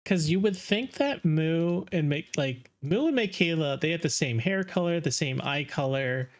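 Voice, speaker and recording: A man's voice: a little high, animated, normal speed. A man giving casual, off-the-cuff live commentary as a streamer reacting to game trailers.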